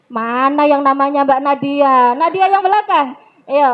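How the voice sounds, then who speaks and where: A woman leading a public speaking training in a mosque hall, coaxing her audience and telling stories in a lively way. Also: high-pitched, measured pace. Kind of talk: interactive training talk with storytelling. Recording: dull lo-fi recording.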